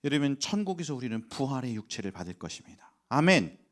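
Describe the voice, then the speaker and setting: A middle-aged male pastor preaching a sermon, telling stories with sudden shifts between hushed whispers and loud outbursts. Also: mid-range voice, big pitch swings, quick pace. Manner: storytelling, swings from quiet whispers to loud emotional outbursts.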